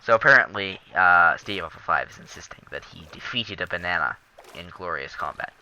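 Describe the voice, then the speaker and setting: A man hosting a let's play of a game, giving casual, jokey gameplay commentary with quick asides. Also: low voice, lively intonation, highs cut off, noisy background. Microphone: laptop recording.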